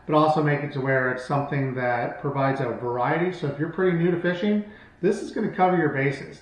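In a very echoey little hard-walled room at home, a fishing channel host with a medium-pitched voice casually shows products in an unscripted vlog. The lo-fi audio comes from a camera mic across the table, with faint background noise.

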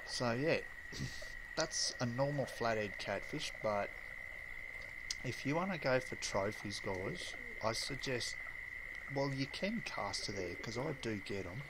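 A young man giving a relaxed, rambling gameplay tutorial full of fillers and pauses. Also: mid-range voice, heavy background noise. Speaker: game streamer. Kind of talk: casual gameplay tutorial commentary.

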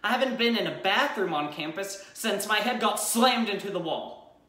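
A young man playing a bitter, wounded bullied high school boy in an anguished, accusing dramatic monologue, swinging between outburst and quiet. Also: animated, moderate pace. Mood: hurt, bitter. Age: young adult. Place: small plain-walled room indoors. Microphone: camera a few metres away. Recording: echoey room, mic at a distance.

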